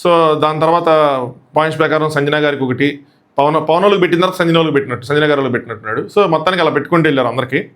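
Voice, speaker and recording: A man with a Telugu accent giving a quick, animated review of a reality show episode, acting out the contestants' lines. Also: on the high side. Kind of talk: fast episode review commentary.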